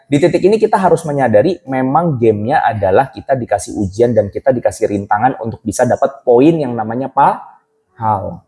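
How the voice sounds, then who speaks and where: A man's voice: a little high, mellow, low-quality recording. A male preacher giving a casual religious lesson to young people, chatty and full of rhetorical questions to the audience, with English phrases mixed into colloquial speech. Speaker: Islamic preacher teaching youth.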